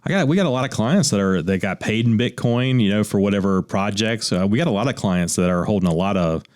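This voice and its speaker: A man's voice: on the low side, animated, quick pace, darkish tone, no room sound. A man, an attorney co-hosting a radio show, talking casually about wills with easygoing restarts. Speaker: attorney co-host. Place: radio studio.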